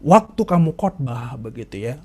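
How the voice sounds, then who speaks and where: A man voicing a calm, matter-of-fact male angel who explains in casual slang. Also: medium pitch, moderate pace, husky, voice pushed down. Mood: calm explaining.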